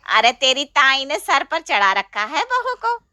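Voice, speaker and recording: A woman voicing a scolding, tradition-bound middle-aged aunt-in-law in a storybook, sharp and loud with a nagging, taunting manner. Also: high-pitched, very animated, a little slow, dry recording, clean studio sound, exaggerated voice. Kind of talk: storybook voice acting.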